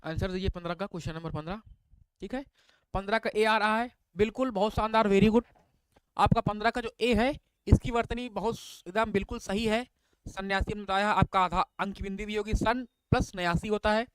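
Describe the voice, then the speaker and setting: Brief: male teacher, live online class, high clear voice, repeats questions back to viewers, dry close mic. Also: fairly even intonation, a little fast, no echo. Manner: repetitive questioning, addresses viewers as bhaiya; reads out answer options, praises viewers by name. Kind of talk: live online exam-prep lesson.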